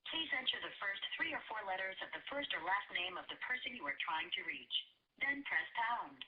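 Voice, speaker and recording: A woman's voice on a recorded phone menu message, reading options slowly and evenly over a phone line. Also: medium pitch. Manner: slow, even announcer delivery. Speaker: automated phone system voice. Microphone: heard through a phone line. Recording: muffled telephone line.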